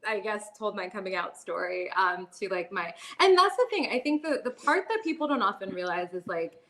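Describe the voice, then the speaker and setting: A podcast guest in her thirties tells stories in a candid, chatty way, full of "like" and "you know" fillers and light laughter. Her medium-pitched voice is a bit bright, fairly quick and lively in intonation.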